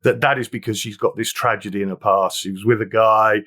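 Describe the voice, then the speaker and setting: A man's voice: fairly low pitch, steady tone, fairly quick, a bit bright. A man talking through a film in a casual discussion, earnest and reflective, sometimes reading passages aloud.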